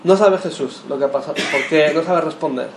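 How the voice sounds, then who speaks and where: A man preaching a sermon, lively and questioning, talking straight to the people in front of him. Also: a little high, a little fast, background noise. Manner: lively, talks with the audience, asks questions. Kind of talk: sermon teaching. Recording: echoey room with faint ambience.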